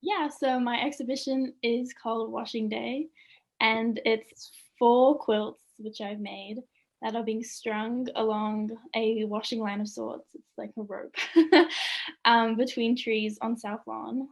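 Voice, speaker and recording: A woman's voice: fairly high pitch, fairly even intonation, slow, creaky. Chatty young woman, light laughs. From Australia. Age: young adult. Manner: chatty, many "like"s, laughs often. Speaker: student artist, interviewee. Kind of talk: casual interview chat.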